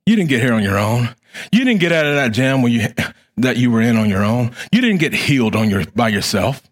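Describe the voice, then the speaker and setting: A middle-aged man preaching a sermon as pastor, with a fervent, repetitive cadence that swells loud and drops to quiet. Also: mid-range voice, big pitch swings, fairly quick.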